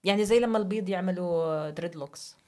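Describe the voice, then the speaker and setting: Woman, lowish pitch, Levantine accent, casual questioning co-host, frequent English code-switching. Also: very fast, dark tone. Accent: Levantine Arabic. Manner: questioning, switching often between Arabic and English. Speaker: podcast co-host. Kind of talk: casual discussion.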